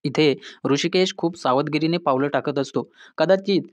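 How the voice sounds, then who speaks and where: A man's voice: on the high side, moderate pace, no room sound. A man narrating a scripted recap of a TV serial episode, retelling scenes and reading the characters' lines aloud, and at times addressing listeners as friends.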